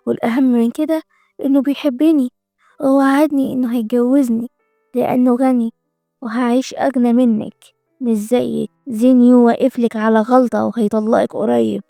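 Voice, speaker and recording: A woman's voice: a little high, steady tone, a little fast, gravelly, dark tone, no room sound, studio quality, faint music behind. A woman with an Egyptian accent voicing a spoiled, jealous young woman who brags. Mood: boastful. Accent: Egyptian Arabic.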